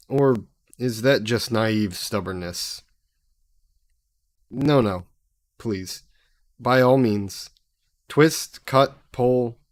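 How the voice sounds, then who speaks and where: In an audio roleplay addressed to the listener, a man voices a centuries-old male demon bound inside a necklace, sly and possessive. His delivery is mocking and theatrical, his voice on the low side.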